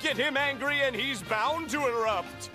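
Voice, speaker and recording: A man's voice: extremely high pitch, a little slow. A man voicing bombastic cartoon superheroes who proudly announce their powers, in a clip with music behind. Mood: bombastic, explosive.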